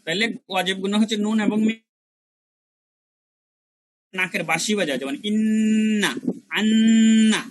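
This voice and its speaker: High, bright-voiced man teaching recitation. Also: low-quality recording. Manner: demonstrates syllables by repeating them slowly; colloquial, mixes in English words. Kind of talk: online review class teaching Arabic letter pronunciation.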